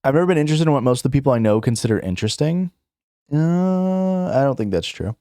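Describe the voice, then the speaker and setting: A young man streaming live reads questions aloud and rambles casually through his answers, with lots of fillers, restarts, self-corrections and chuckles. His voice is a little high, expressive and quick, mellow in tone, and recorded at studio quality with no room sound.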